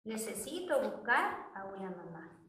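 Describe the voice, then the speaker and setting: A woman voicing a small lonely boy who is looking for a mother, in a higher, pleading child's voice. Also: sing-song, unhurried, fairly bright tone, a little hiss or hum. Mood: worried. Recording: echoey room, distant mic.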